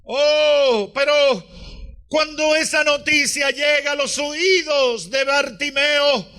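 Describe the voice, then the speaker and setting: A man preaching a passionate sermon at a church service, rising dramatically into shouts. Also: very high-pitched, slow. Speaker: pastor.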